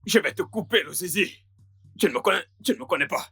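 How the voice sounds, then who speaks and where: A man's voice: high-pitched, quick pace, gravelly, sharp tone, full character voice. A man playing a furious bully in a dubbed film drama, aggressively barking orders and threats at household staff. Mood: furious, threatening.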